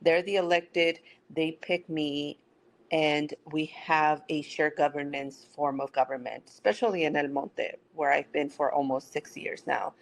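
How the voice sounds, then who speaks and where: A middle-aged woman from Mexico, a city manager, answering interview questions in a measured, explanatory way. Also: sits low, steady tone, low-quality recording. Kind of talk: podcast interview.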